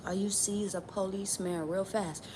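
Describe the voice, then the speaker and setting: With a mid-range voice at normal speed, a woman from New Mexico vents in a casual vlog for her tarot channel. She stresses her points, says things more than once, and curses occasionally, while steady background ambience runs underneath.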